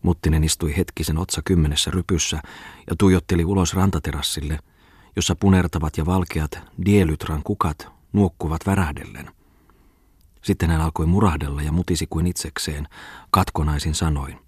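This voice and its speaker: A man reading an audiobook in a calm, even narrating manner. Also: rumbling low, breathy edge, no room sound, studio quality. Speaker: audiobook reader.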